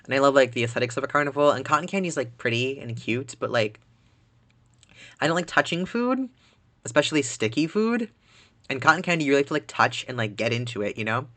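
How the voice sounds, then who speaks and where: A man's voice: mid-range voice, lively intonation, fairly quick, bright, forceful tone. A man streaming a video game live and chatting in a rambling way that is full of "like". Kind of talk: casual chat while gaming.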